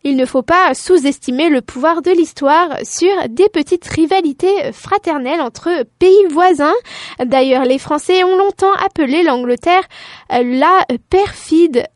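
A woman's voice: very high-pitched, measured pace, dry recording, studio quality. A woman from France hosting a radio show, reading a scripted talk segment with frequent hesitant fillers. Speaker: radio host.

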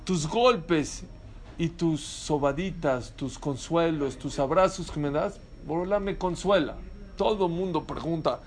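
A man's voice: a little high, measured pace, darkish tone, slight background noise. A man preaching a sermon as a rabbi, telling stories and asking rhetorical questions with animation.

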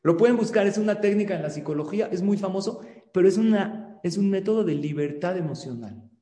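A man gives a religious class as a rabbi in an animated lecturing manner, often turning to his listeners with questions. His voice sits on the high side yet sounds mellow. The recording carries a roomy echo with a long reverb tail. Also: a little fast. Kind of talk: religious lecture over a video call. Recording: echoey room with long reverb.

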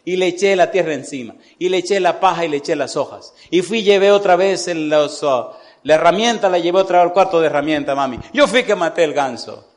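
A young boy spills out a hurried, pleading confession of his guilt, his voice set a little high and quick, as a male preacher acts him out. It is a story told within a sermon. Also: lightly acted.

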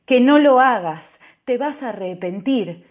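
Woman doing a preachy, insistent Argentine lady in an audiobook; high, urgent and pleading. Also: lively intonation, unhurried, muffled recording. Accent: Argentine Spanish. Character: pious middle-aged woman, insistent, scolding.

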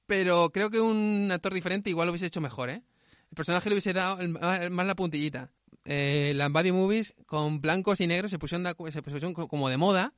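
A man chats casually about films in a high, fast voice. He is lively and acts out the lines he quotes. The sound is close and dry. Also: clear, resonant tone, no room sound. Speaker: podcast co-host. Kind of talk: casual film review chat.

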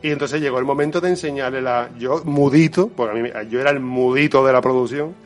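A man from Spain, co-hosting a casual podcast, telling lively stories about his effects work, swearing freely and laughing often. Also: medium pitch, fast talker, faint music behind. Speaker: podcast co-host, creature effects painter. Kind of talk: casual podcast chat, storytelling.

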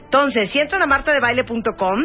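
A woman's voice: sits high, fast, highs cut off, soft background music. A woman hosting a radio show, chatting playfully with her co-host and laughing often. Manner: playful, laughs often, reads English words with effort. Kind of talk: casual radio banter.

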